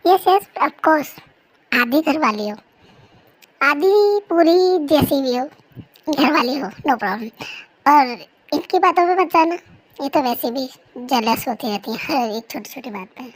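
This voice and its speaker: A woman's voice: high voice, expressive, takes it slowly, long pauses. A woman voicing a young husband who whines and complains like a child, in a fan story role-play. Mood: whiny. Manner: whiny and complaining.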